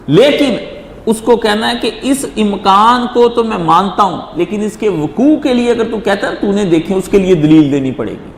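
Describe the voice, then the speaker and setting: A man's voice: high voice, animated. A man, answering religious questions in an emphatic, repetitive lecture style and acting out quoted voices. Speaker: Islamic teacher answering questions. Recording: echoey hall with faint noise.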